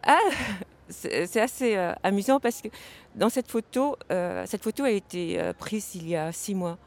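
A woman from Vietnam answering interview questions in a hesitant, halting way with many pauses and fillers, outdoors at a city station. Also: medium pitch.

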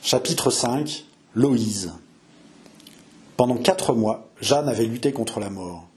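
A man narrating a classic novel as an audiobook, measured and expressive, lingering on phrases. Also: medium pitch, soft background music.

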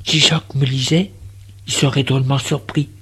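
A man reading a first-person story aloud in a slow, intimate, tense way. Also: medium pitch, flat delivery, a bit bright, slightly rough.

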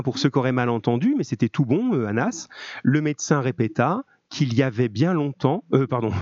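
A man's voice: a little high, dry recording, dull audio. A man teaching a live online grammar class, encouraging and chatty with many fillers, heard over a video call.

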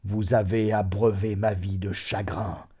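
A man reading an audiobook, voicing a dying, bitter old nobleman with a raspy voice who speaks slowly and coldly. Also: fairly low pitch, little pitch movement, mellow. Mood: harsh. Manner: cold, slow, icily accusing.

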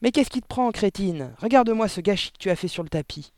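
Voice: medium pitch, animated, fast talker, darkish tone, no room sound, voice pushed up, close to an everyday voice. A reader voicing a blustering middle-aged father who bellows in outrage and panic in an audiobook. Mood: bellowing. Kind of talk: audiobook reading.

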